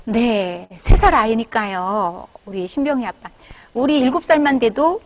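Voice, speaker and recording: A woman's voice: fairly high pitch, a little slow. A woman parenting counselor giving an online talk to fathers, answering questions and acting out what parents and children say. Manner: lively, acts out parent and child lines in quotes.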